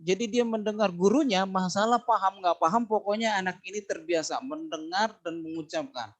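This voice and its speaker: A man's voice: high voice, fairly quick, fairly bright tone, no room sound. A man with an Indonesian accent teaching an Arabic class online, patiently drilling words and stretching out each example.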